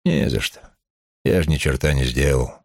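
A man voicing a folksy, tough small-town man who stands up for his friend, with a rough, plain way of talking. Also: extremely low pitch, normal speed, no echo, studio quality. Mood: gruff. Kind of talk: audiobook character voice.

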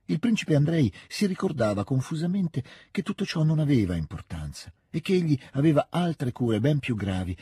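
A man narrating a classic novel as an audiobook, in a measured, calm, expressive reading. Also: medium pitch, slightly rough, dry recording, studio quality. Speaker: audiobook reader.

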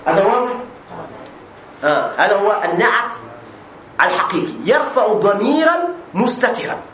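High-voiced man teaching grammar, echoey room. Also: sing-song, moderate pace, a bit bright. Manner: questions students and answers himself, repeats example phrases. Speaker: sheikh teaching Arabic grammar. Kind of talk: classroom grammar lesson. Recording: echoey room with faint background noise.

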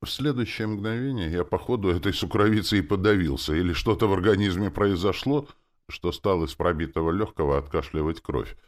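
A man reading a first-person audiobook with an expressive, wry delivery. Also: low-pitched, brisk. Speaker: audiobook narrator.

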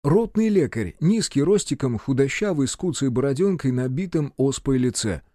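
Expressive male audiobook narrator. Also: medium pitch, normal speed, no room sound, studio quality. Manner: expressive, storytelling.

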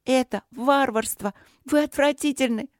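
A narrator raising the voice high for a fiery young princess, storybook heroine shouting her outrage. the voice sits high and carries hard, with no give in it. close and dry, no room around it. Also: normal speed, no echo, lightly acted. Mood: indignant. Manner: loud, scolding outbursts. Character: fiery young princess, hot-tempered and indignant.

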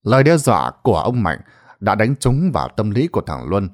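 A man narrating a ghost story in a dramatic, expressive storytelling manner. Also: fairly low pitch, fairly quick.

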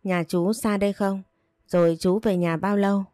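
A woman's voice: mid-range voice, fairly even intonation, normal speed, mellow, dry recording, clean studio sound, lightly acted. A woman reading a curious shy young woman. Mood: eager.

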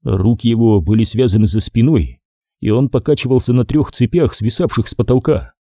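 A man narrating a crime audiobook in measured, expressive storytelling. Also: medium pitch, dry recording, clean studio sound. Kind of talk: scripted narration.

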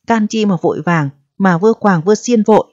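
A woman's voice: fairly quick, darkish tone, no echo, lightly acted. Woman reading as a desperate young pregnant girl. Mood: bitter resolve. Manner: pleading and reproachful, turning shrill when upset. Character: distressed pregnant eighteen-year-old woman, proud and desperate. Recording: dull, dry audio.

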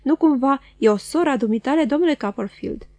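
A woman's voice: high-pitched, animated, darkish tone, no room sound. A woman voicing a sly, chattering middle-aged female dwarf who teases and gossips, in a storybook reading. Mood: teasing. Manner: quick, teasing, knowing.

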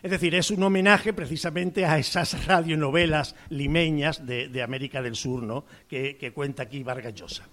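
A man's voice: fairly high pitch, moderate pace, hardly any pauses, fairly bright tone. A man on a radio program, talking loosely about a novel with many fillers and restarts, then reading a page aloud. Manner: hesitant, full of "eh" fillers and restarts, explanatory. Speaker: guest reader on a radio program. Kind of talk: conversational literary talk and reading aloud.

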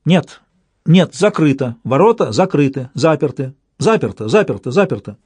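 A man puts on an uncanny little talking bird in an audiobook story, squeaking its words high and thin. It chirps short words and repeats them again and again. The voice has a husky edge. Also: sing-song, normal speed, a little mellow, no room sound. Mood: eerie chirping. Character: eerie tiny talking bird, squeaky, repetitive.

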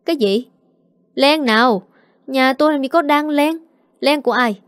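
A woman's voice: high-pitched, moderate pace, dry recording, clean studio sound, pitched above the performer's own voice, lightly acted. A woman doing a confused, deaf old woman near eighty. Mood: bewildered. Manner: bewildered questioning.

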